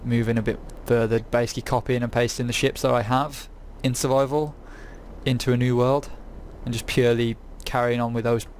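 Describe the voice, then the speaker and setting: A young British man talks through his gameplay in a loose, rambling way, drifting into goofy tangents. His pitch sits in the middle range. A faint background hiss runs underneath. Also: level tone, a little fast, a little mellow. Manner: rambling, bursts into silly songs. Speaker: gaming video host. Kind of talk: casual gameplay commentary.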